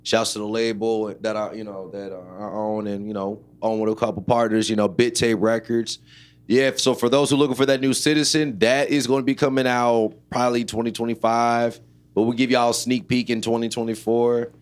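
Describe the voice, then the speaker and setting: A man's voice: medium pitch, little pitch movement, a little fast, clean tone. A man from Illinois, a rapper and producer, talking as an interview guest in a loose, rambling way full of fillers. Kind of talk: casual interview chat.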